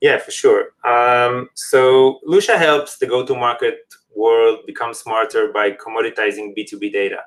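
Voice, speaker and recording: A man's voice: medium pitch, fairly even intonation, normal speed, low-quality recording. Man explaining in English. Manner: non-native English phrasing. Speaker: company representative, podcast guest. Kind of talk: casual interview, explaining a product.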